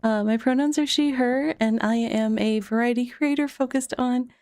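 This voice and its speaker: A woman's voice: a little high, steady tone, moderate pace, darkish tone, no echo. A woman streaming a game from home, chatting casually to viewers with frequent laughs and loose fillers. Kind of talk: casual live-stream chat. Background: faint chill background music.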